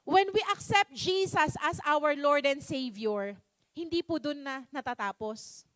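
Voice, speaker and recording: A woman's voice: sits high, measured pace, no echo, clean studio sound. A woman preaching a church sermon, telling a story politely with many fillers and restarts.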